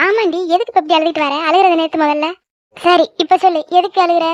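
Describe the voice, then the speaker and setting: A gentle aunt smooths over family quarrels in a cartoon, voiced by a woman. She speaks high and quickly. The sound is dry. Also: fairly even intonation, no room sound, highs cut off. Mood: calming. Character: soothing young aunt, calm peacemaker.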